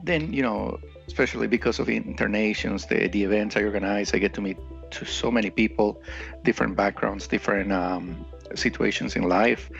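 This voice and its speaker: A man's voice: on the low side, fairly quick, creaky, highs cut off, soft background music. A man in his thirties from Ecuador, a podcast guest who talks hesitantly, with many restarts and fillers. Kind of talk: casual interview conversation.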